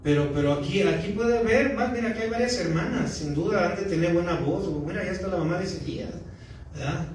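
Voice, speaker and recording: A pastor giving a conversational sermon, often checking in with the congregation. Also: male voice, high voice, a little fast, slight background noise. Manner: conversational preaching, often asking the congregation "¿verdad?". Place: church sanctuary. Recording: echoey church hall from far off.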